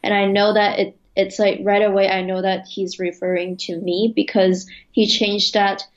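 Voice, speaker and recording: A woman's voice: mid-range voice, little pitch movement, moderate pace. Hesitant young woman over a muffled video call. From Hong Kong. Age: young adult. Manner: hesitant, many fillers and restarts. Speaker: journalism student, interviewee. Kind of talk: casual interview answers. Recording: dull lo-fi video call audio.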